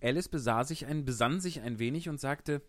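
A man narrating a storybook reading in an expressive, unhurried way. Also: medium pitch, dry recording.

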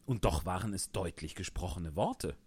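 A man narrating a storybook reading in an expressive, unhurried way. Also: low-pitched, slightly rough.

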